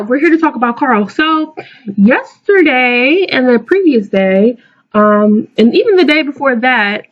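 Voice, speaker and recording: Woman vlogger in dull lo-fi sound. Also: a little high. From Jamaica. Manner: informal, digressive, self-correcting. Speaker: video blogger. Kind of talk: casual opinion vlog.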